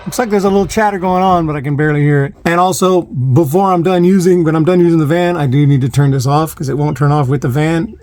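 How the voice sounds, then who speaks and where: Clear background noise of CB radio static and knob clicks fills this phone recording made inside a van. The speaker, a vlogger doing amateur DIY installation, talks haltingly and thinks aloud during a casual hands-on demo, in a fairly high, darkish voice.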